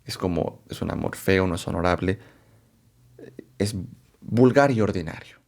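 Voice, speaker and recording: A man presenting a philosophy lecture, unhurried and thinking aloud, often checking in with rhetorical questions and correcting himself as he goes. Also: deep voice, vocal fry, darkish tone. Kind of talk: explanatory lecture to camera.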